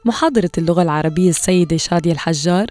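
A woman podcast host, reading scripted narration in a smooth presenter delivery. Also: on the low side, rapid-fire, a little mellow, soft background music.

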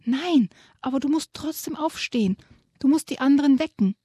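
A woman voicing a small, excitable female rat in a children's storybook reading, with a shrill, urgent and agitated manner. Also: moderate pace, no echo, clean studio sound. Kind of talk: reading a children's book aloud.

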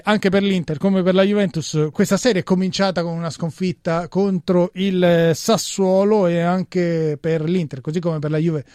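A man's voice: high-pitched, a little mellow, no echo. A man presenting a football round-up, going through results and match reports as a studio presenter. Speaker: sports radio presenter.

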